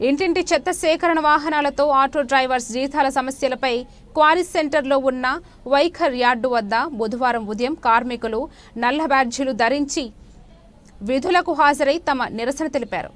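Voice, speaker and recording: A woman news anchor reading the bulletin in a formal, measured way. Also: high voice, fairly bright tone.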